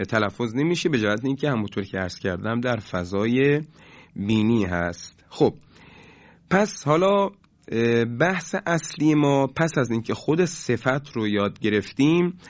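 Measured male recitation teacher, muffled recording. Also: medium pitch, animated. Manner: measured, explanatory, with hesitant fillers. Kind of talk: recorded lesson. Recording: dull lo-fi recording.

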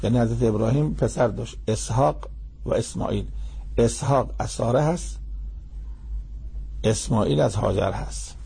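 Older male preacher, gravelly and husky, recites verses then explains them plainly. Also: medium pitch, pauses often, warm tone. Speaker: Quran teacher. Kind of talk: sermon-style Quran commentary.

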